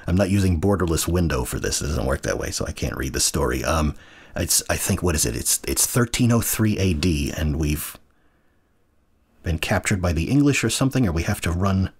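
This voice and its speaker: An American man in his thirties talks through a game as a casual let's-play host, often trailing off and correcting himself. His voice sits very low with a husky edge. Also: lively intonation, a little fast. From United States. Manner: rambling, self-correcting, chuckling asides. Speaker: gaming channel host.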